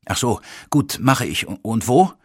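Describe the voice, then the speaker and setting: A man voicing a panicked, tearful husband who talks breathlessly and pleads in a high, urgent voice. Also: big pitch swings, takes it slowly, slightly rough, dry recording, clean studio sound, heavily acted. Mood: anxious. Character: panicked middle-aged man, frantic and tearful.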